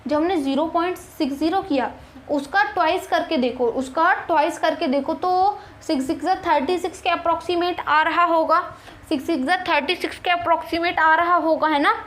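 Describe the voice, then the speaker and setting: High-voiced woman teaching chemistry. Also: moderate pace, fairly bright tone. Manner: explains step by step, asks rhetorical questions; addresses students as kids, reassuring. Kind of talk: online chemistry lesson.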